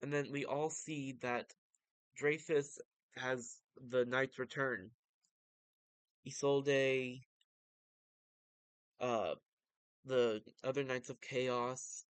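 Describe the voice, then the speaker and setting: A man's voice: mid-range voice, steady tone, very slow, long pauses, smooth, dry recording. A man narrating and commenting on a story in a casual, informal way, like an enthusiastic fan. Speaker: vtuber reading and commenting on manga.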